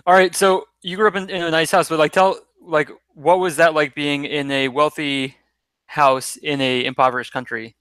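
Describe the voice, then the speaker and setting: Bright, crisp-voiced man hosting an interview. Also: on the high side, fairly even intonation, normal speed, dry recording. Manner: friendly, rambling questions with restarts. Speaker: interview host, former teacher. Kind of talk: casual video-call interview.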